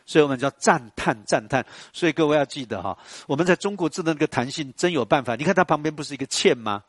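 A man, lecturing a class in an animated, storytelling way and putting questions to the audience. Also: on the high side, fast, no room sound.

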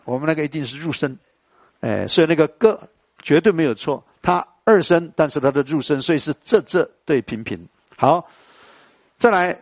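A male teacher with a Taiwanese Mandarin accent leads a classical poetry lesson in a lively classroom manner. He quizzes his students and chants verses slowly and deliberately. The recording is dry, with little room sound. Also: a little high, no room sound.

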